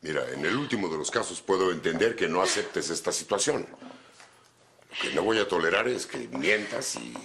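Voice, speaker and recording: A man's voice: deep voice, expressive, moderate pace, creaky, fairly bright tone, a little hiss or hum, full character voice. An actor playing a stern, wealthy middle-aged father in a telenovela, firm and scolding. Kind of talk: telenovela acting.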